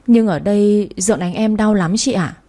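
A woman's voice: mid-range voice, moderate pace, warm tone, close to an everyday voice. A woman voicing a frightened nine-year-old girl who begs her older sister to take her home. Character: little girl, nine, scared and clinging.

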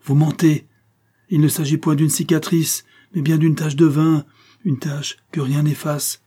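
A man voicing an elderly male steward in an audiobook, slipping from a trembling hush into loud accusation. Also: fairly high pitch, level tone, unhurried, husky, voice pushed up. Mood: accusing. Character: older male steward, faithful then accusing.

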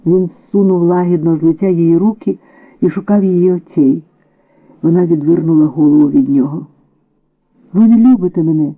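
Male narrator, expressive dramatic audiobook reading, high voice, tinny radio band. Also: fairly quick.

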